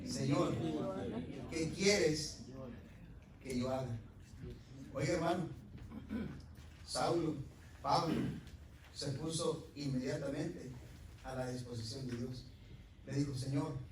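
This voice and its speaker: A male pastor preaching a sermon in a church, swinging from loud emphatic passages to quiet asides and asking the congregation direct questions. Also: a little high, recorded from a distance. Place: church sanctuary. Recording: very echoey church hall, mic from afar, faint noise.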